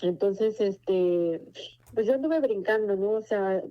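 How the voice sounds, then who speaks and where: Speaking slowly and mellowly at a medium pitch, this Mexican woman in her forties recounts her faith testimony in an earnest, wandering manner. The recording sounds muffled and lo-fi.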